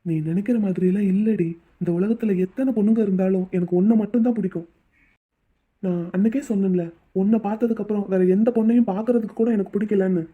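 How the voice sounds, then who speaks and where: A woman voicing a devoted rich young man in a cartoon drama, husky and pleading. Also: medium pitch, fairly even intonation, fast, natural voice. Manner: pleading, tender. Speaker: voice actor. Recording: tinny phone-like audio.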